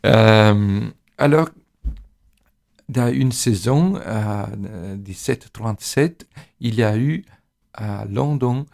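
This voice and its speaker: A man speaks French with a foreign accent, his first language being Italian, in a gravelly, creaky voice. He explains like an interviewed expert, pausing often to hunt for the right word. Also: on the low side, darkish tone. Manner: halting, searching for words in imperfect French. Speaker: musician interviewed as expert on organ music.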